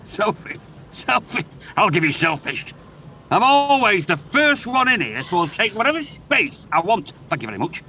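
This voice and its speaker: A man's voice: high voice, sing-song, normal speed, bright, forceful tone, slight background noise, exaggerated voice. A man playing a cantankerous gym regular. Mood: indignant. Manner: indignant, bickering. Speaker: grumpy older gym regular. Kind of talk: sitcom acting.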